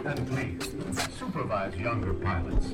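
Man announcing over an outdoor loudspeaker. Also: lowish voice, lively intonation. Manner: clear, measured, formal instructions. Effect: played over an outdoor loudspeaker. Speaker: ride safety announcer. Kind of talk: prerecorded safety announcement. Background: ride music.

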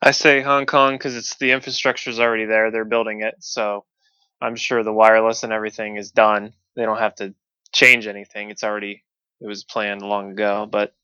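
A man's voice: on the low side, flat delivery, fairly quick, bright, forceful tone, clear, resonant tone, dry recording. A man co-hosting a podcast, chatting casually with short, agreeable replies. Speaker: podcast co-host. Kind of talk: casual chat. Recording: dry dull lo-fi audio.

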